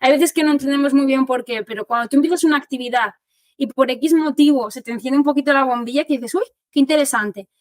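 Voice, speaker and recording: A woman from Spain, an occupational therapist, explaining things to families in an animated, informal way and acting out what people say. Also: sits high, fast, no echo. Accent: Spanish from Spain. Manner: animated, explanatory, acts out quotes. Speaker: occupational therapist giving a talk.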